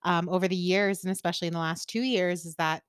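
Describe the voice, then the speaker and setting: A woman's voice: on the low side, steady tone, fast talker, clear, resonant tone, no echo, studio quality. A woman hosting a casual solo podcast, talking candidly about herself, swearing freely and laughing often. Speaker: podcast host.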